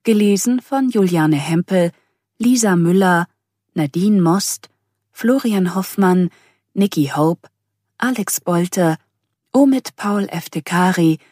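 A woman's voice: on the low side, lively intonation, slow, a little mellow, no room sound, studio quality. A woman reading a scripted audiobook introduction as an announcer.

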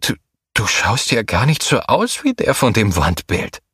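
A man's voice: fairly low pitch, huge pitch swings, measured pace, a bit bright, slightly rough, no room sound, clean studio sound, exaggerated voice. A man voicing a plump, short-legged male chief who speaks in an anxious, disbelieving way in a storybook reading. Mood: hesitant.

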